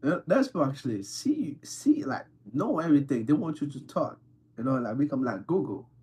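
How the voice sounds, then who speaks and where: A man with a medium-pitched, warm, husky voice swings widely in pitch as he answers chat on a casual livestream at a moderate pace. His style is teasing and insistent, repeating himself to drive points home.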